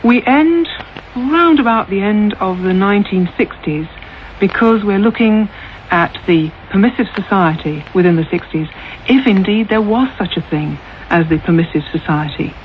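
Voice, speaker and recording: A woman's voice: mid-range voice, animated, moderate pace. A woman presenter explaining her programme in a radio interview. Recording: tinny, noisy radio broadcast.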